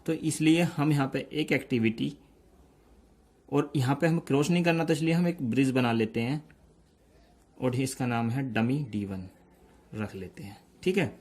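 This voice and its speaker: A man's voice: mid-range voice, a little mellow. Man teaching step by step. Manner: explains slowly, checks in often. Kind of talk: step-by-step lecture.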